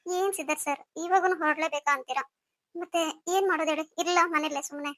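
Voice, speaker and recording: Brief: woman as anxious pregnant young wife, high bright voice, soft and pleading. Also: fast talker, no echo. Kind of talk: melodramatic audio story acting.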